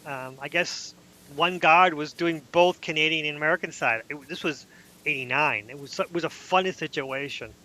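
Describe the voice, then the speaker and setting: A man's voice: on the high side, moderate pace, sharp tone. A man in casual podcast chat, telling rambling anecdotes full of restarts. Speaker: podcast host.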